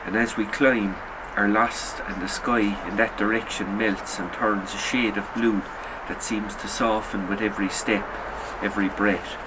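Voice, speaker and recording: Here a man narrates a piece of his own literary fiction as he might at a reading. The delivery is grave and deliberate, his fairly low pitch hardly varies, and clear background noise much like an outdoor setting accompanies him.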